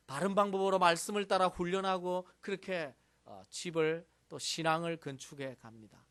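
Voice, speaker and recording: A male pastor delivering a sermon in a measured, explanatory way. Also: a little high, a bit bright.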